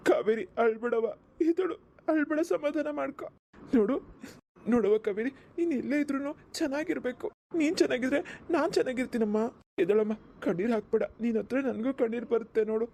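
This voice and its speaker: A woman's voice: fairly high pitch, fast talker, warm tone. A woman voicing a tearful, loving elder brother blessing his sister at her wedding in a cartoon. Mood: soothing. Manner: emotional, tender, blessing. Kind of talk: cartoon voice acting.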